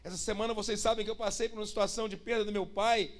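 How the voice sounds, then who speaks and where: A man's voice: high-pitched, little pitch movement, very fast. A pastor, preaching a sermon and putting rhetorical questions to his congregation. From Brazil.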